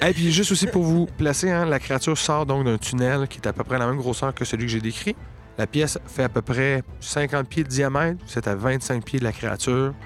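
A man with a Quebec French accent, narrating a tabletop game as game master in an unhurried, descriptive way. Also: mid-range voice, soft background music. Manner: descriptive, unhurried storytelling with many fillers.

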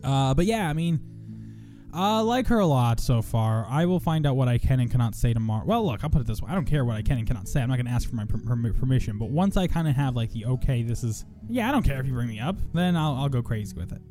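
A man's voice: medium pitch, lively intonation, quick pace, warm tone, soft background music. A young man hosting a podcast in casual chat, rambling, swearing and poking fun at himself. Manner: profane, rambling, self-mocking. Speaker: podcast host.

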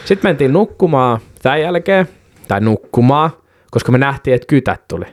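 A man's voice: mid-range voice, very animated, dry recording, clean studio sound. A man co-hosting a casual podcast, telling a rowdy story with lots of swearing and laughter.

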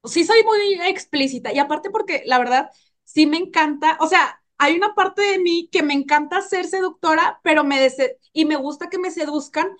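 Playful high-voiced Mexican woman. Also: normal speed. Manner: playful, candid, laughs often, acts out sultry voices. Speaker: guest, erotic fiction author. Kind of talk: casual podcast conversation.

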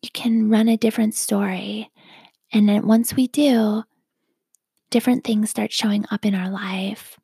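A woman guides a meditation in a hushed, breathy half-whisper, with a gravelly fry at the ends of her phrases. She speaks slowly and calmly, gently leading the listener. The sound is dry and close, with no room around it. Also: medium pitch, no echo. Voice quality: soft whispery breathy delivery. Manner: slow, calm, gently instructive.

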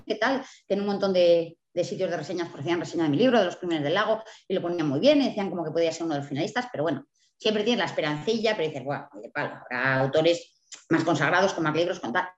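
Fast-talking, lively Spanish woman novelist. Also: lowish voice, echoey room, muffled recording. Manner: animated storyteller, acts out quoted dialogue, laughs often. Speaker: guest novelist. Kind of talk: casual interview chat.

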